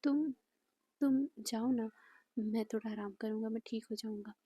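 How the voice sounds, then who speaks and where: A woman voicing a gentle young man who hides his pain, speaking softly and breathily in a storybook reading. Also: sits high, fairly even intonation, normal speed, breathy edge. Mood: pleading.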